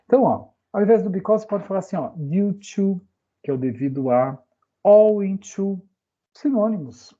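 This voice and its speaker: A Brazilian man gives a casual online English lesson, talking in a loose, chatty way and checking in with his listeners often. His voice is dark and mellow. The recording sounds a little dull and lo-fi. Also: high voice, animated, normal speed. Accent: Brazilian Portuguese. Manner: chatty, frequent "né?" tag questions. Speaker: English teacher.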